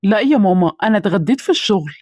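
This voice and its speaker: A woman voicing an earnest young male police officer in an amateur cartoon drama, talking in fast, pleading questions. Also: medium pitch, lively intonation, mellow, no echo, close to an everyday voice. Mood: puzzled.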